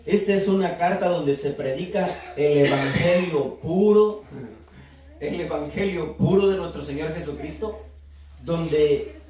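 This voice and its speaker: Teaching from the pulpit, a man with a slightly high, darkish voice calls on the congregation to respond. The recording picks him up from afar in a reverberant church room.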